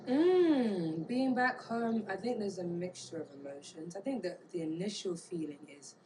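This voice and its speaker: A woman from Bermuda, talking casually and reflectively in an interview, pausing to search for words. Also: mid-range voice, animated, music in the background, rough recording. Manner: thoughtful, halting, searching for words. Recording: clear background ambient noise.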